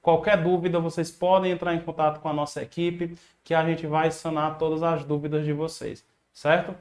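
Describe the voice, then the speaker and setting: A man's voice: a little high, little pitch movement, moderate pace. A man with a Brazilian accent teaching grammar in an online video lesson, casual and encouraging with slang. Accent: Brazilian Portuguese. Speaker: exam prep teacher.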